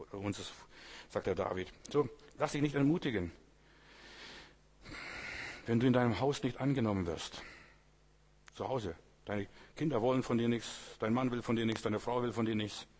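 Male preacher, husky voice, chatty sermon, repeated exhortations, voice rising on key phrases. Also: medium pitch, darkish tone. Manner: conversational, keeps asking the audience "weißt du".

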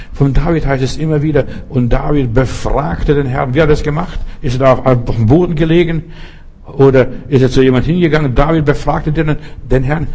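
A man's voice: mid-range voice, warm tone, slightly rough. A man preaching a sermon in an earnest, direct way, speaking straight to each listener.

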